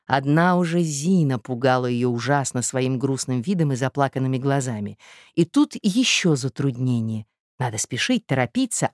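An audiobook narrator reading a classic novel in a measured, even storytelling manner. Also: mid-range voice, no echo, clean studio sound.

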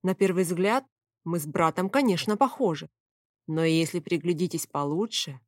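A woman's voice: lowish voice, normal speed, dry recording, clean studio sound, lightly acted. A woman reading the part of a polite middle-aged man, an emperor, with a pleasant, mildly amused manner in an audiobook. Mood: courteous. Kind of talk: audiobook character voice.

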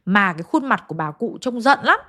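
A woman's voice: medium pitch, sing-song, fairly quick, fairly bright tone, soft background music. A woman telling a ghost story in a chatty way, turning to ask her listeners questions. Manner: chatty, addresses listeners directly. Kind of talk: oral ghost story narration.

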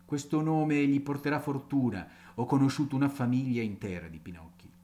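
A man's voice: mid-range voice, brisk, dark tone, close to an everyday voice. A man voicing a poor, fretful and tender old woodcarver in a storybook reading. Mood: musing. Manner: muttering, scolding, then sorrowful.

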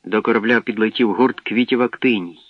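A man reading an audiobook in a steady, even manner, on a dull, dry recording. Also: lowish voice, brisk, no echo. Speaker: narrator. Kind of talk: audiobook narration.

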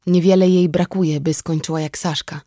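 Woman reader voicing a calm blunt heroine, wry, lowish voice, dry close recording. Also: normal speed, no echo. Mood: urgent. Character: tough, composed young woman driver. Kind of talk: audiobook reading.

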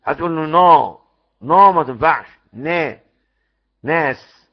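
An Egyptian man teaches Quran recitation and drills each sound aloud for his class. His voice is gravelly, and the recording sounds dull and muffled. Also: a little high, a little slow. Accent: Egyptian Arabic. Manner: animated, demonstrates sounds repeatedly, asks the class questions. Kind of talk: lecture on tajweed rules.

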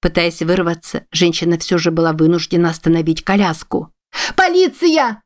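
A woman narrating a novel aloud in a steady, measured storytelling manner. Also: lowish voice. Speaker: audiobook narrator.

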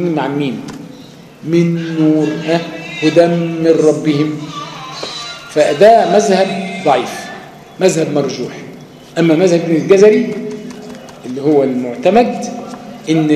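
A man's voice: fairly high pitch, lively intonation, a little fast, long pauses, over music. Egyptian man teaching in an echoey hall. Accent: Egyptian Arabic. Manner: colloquial, explains with everyday examples and demonstrates sounds. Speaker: Quran recitation teacher. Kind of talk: recorded lecture on tajweed. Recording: echoey hall with faint background hum.

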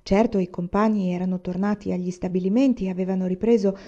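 A woman narrating a novel aloud in a measured, expressive reading. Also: medium pitch, highs cut off. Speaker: reader of audiobooks. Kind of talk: audiobook narration.

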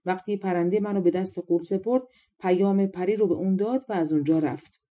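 A woman's voice: medium pitch, fairly even intonation, mellow, lightly acted. A woman voicing a lazy young girl telling her story in a storybook reading. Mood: offhand.

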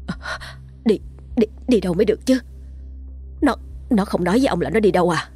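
A panicked village mother stammers her questions in a raised, breathy voice, as a woman storyteller puts her on. Faint music sits under the storybook reading. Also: medium pitch, expressive, a little fast, dark tone. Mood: frantic. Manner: anxious, stammering. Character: frantic middle-aged village mother.

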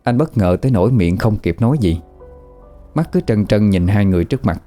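Man narrating a ghost story, warm dark voice, soft music behind. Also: fairly low pitch, lively intonation, brisk.

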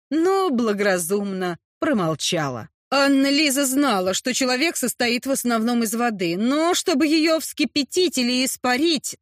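A woman narrating a fantasy audiobook in an expressive, wry storytelling manner. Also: on the high side, dry recording, studio quality.

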